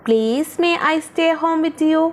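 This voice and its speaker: A pleading little boy raccoon who does not want to leave home, as a woman teacher reads him aloud. The voice is lifted a touch higher than her everyday voice and is read slowly from a storybook. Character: reluctant little male raccoon child, pleading.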